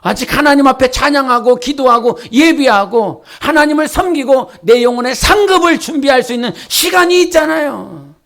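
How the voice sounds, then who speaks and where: High gravelly-voiced man preaching a sermon. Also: expressive, moderate pace, hardly any pauses, fairly bright tone. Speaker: pastor. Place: church sanctuary.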